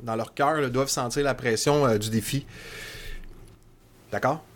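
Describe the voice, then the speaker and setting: A man's voice: medium pitch, moderate pace. A man with a Québécois French accent hosting a casual interview, teasing and joking with his guest. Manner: jokey, teasing, corrects grammar playfully. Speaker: podcast host.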